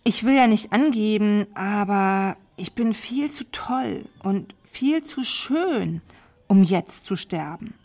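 A woman reading a children's story and voicing a boastful, cowardly young knight who shouts and stammers. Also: medium pitch, slow, long pauses.

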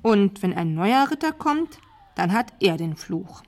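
A woman reading a story aloud and voicing a mocking male ghost knight who speaks low and slow from a dark cave. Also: sing-song.

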